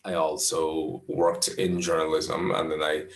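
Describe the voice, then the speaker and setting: Deep gravelly Bahamian man in his twenties. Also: flat delivery, echoey room. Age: 20s. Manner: thoughtful, measured, restarts phrases. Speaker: astrologer interviewee. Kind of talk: conversational interview answers.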